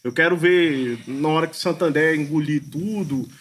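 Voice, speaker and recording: A man co-hosts a casual podcast and tells his story bluntly, full of slang. His voice sits a little higher than most men's. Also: normal speed, husky.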